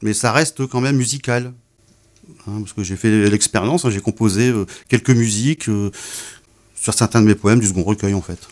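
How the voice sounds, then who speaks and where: A man's voice: fairly low pitch, normal speed, a little mellow. A middle-aged man, a poet interviewed about his work, who talks hesitantly with many fillers and repeated words. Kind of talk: casual interview talk.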